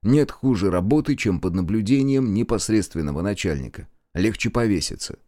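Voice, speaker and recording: Expressive low-voiced male narrator. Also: a little fast, dry recording, studio quality. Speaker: audiobook narrator. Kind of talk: scripted narration.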